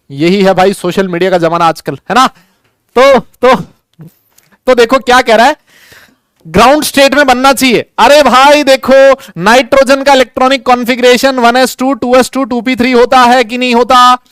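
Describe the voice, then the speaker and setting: A man's voice: high-pitched, fairly bright tone, clear, resonant tone, no echo. A young man teaching chemistry in a live online class, chatty and jokey, calling students beta as he runs polls.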